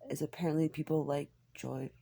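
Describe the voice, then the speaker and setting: A woman in a rambling, confessional personal monologue, halting and candid, with a husky, gravelly voice that often drops toward a whisper. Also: low-pitched, flat delivery, warm tone. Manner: halting, hesitant, candid, swearing.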